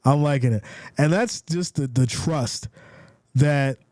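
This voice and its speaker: A man with a congested, medium-pitched voice does casual play-by-play on a live stream, calling plays and reading viewer comments. He takes his time, builds excitement as the action unfolds, and there's no echo.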